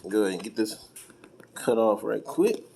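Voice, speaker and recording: In a clearly noisy home-video clip, an American vlogger with a fairly low voice and lively intonation unboxes and reviews car audio gear at a moderate pace. He talks informally, in a folksy, colloquial way.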